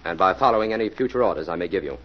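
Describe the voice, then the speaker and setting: A man plays a cool, authoritative police detective in 1940s radio style, firm and stern, firing off clipped, commanding phrases in a low, expressive voice at a rapid-fire pace. It comes across as a muffled old radio recording with music behind him.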